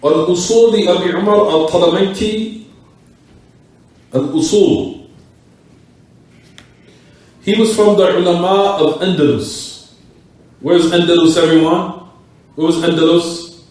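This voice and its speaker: A man's voice: high-pitched, steady tone, takes it slowly, pauses often, darkish tone, distant mic. A man teaching a class in a mosque, repeating key words and putting questions to his students. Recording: echoey room, voice from off the mic.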